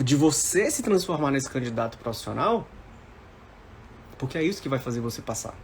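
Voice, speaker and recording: Coaching civil service exam candidates on a live stream, a Brazilian-accented man around forty speaks informally and emphatically, repeating his key phrases to motivate viewers. His voice sits on the high side, and a little hiss or hum is audible.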